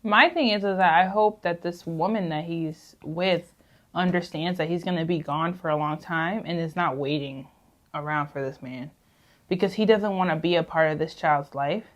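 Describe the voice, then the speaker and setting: A young woman co-hosting a casual podcast, giving measured opinions in long runs. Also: lowish voice, highs cut off. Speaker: podcast co-host. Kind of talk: casual chat.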